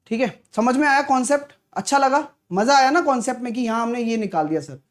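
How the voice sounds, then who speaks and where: A male maths teacher with a sore throat, giving a live online class in a soft voice and clearing his throat often. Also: very high voice, a little fast. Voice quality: clears throat often, talks softly to spare it. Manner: chatty, teasing, answers viewers' comments.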